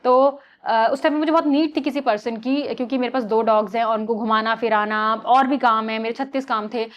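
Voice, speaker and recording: A young woman vlogger chats straight to her camera with a slightly high voice. She talks quickly and loosely, doubles back and corrects herself mid-sentence, and keeps a casual, conversational flow. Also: steady tone, muffled recording. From Uttarakhand, India. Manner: fast, chatty, rambling with self-corrections.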